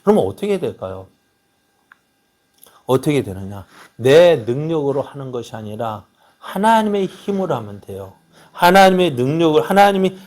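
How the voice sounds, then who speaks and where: A male pastor giving a sermon, repeatedly asking the congregation rhetorical questions and swinging between loud exclamations and quiet asides. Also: fairly high pitch.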